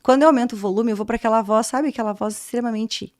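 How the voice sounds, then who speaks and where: A woman's voice: on the high side, fairly even intonation, fast talker, darkish tone, dry recording, clean studio sound. A woman, a speech therapist from Brazil, explaining as a guest in an interview and often asking questions she then answers herself. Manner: didactic, asks and answers her own questions. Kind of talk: conversational interview.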